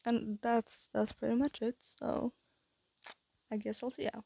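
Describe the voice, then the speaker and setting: A teen vlogger with retainers, a slight lisp, a breathy voice and a blocked nose rambles into a phone held near her. She sounds a little high but flat in pitch, unhurried and mellow, pausing to think with many fillers and false starts. The recording is dry.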